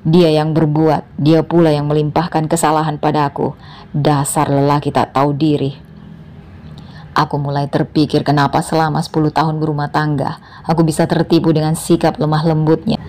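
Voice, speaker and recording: Woman reading a story in first person, deep mellow voice, dramatic and sarcastic. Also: flat delivery, normal speed.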